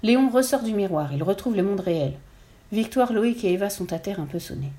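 A woman reading a children's story aloud in a lively storytelling voice. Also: fairly quick. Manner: lively, voices the characters' lines with raised pitch.

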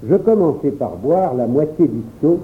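A man giving an expressive first-person storybook narration as an audiobook reader. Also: a little high, moderate pace, slight background noise. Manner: expressive, lively reading. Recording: tinny phone-like sound.

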